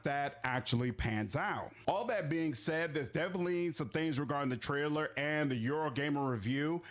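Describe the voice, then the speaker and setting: A man reviews video games with conversational, explanatory opinion commentary. His voice sits somewhat high, and he stays measured while leaning hard on key words.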